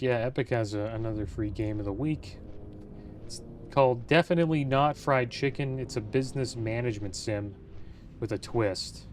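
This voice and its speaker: A man's voice: mid-range voice, darkish tone, a little hiss or hum. A man giving casual, informal let's play commentary as a gaming video host. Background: faint game music and sounds.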